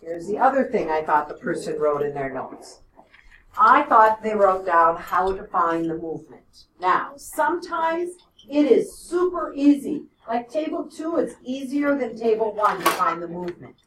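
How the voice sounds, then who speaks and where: A woman's voice: medium pitch, big pitch swings, a little slow, fairly bright tone, a little hiss or hum. A woman teaching a math lesson to a class, explaining step by step and checking in with "okay?" and "right?". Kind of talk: classroom lecture. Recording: echoey classroom from a distance.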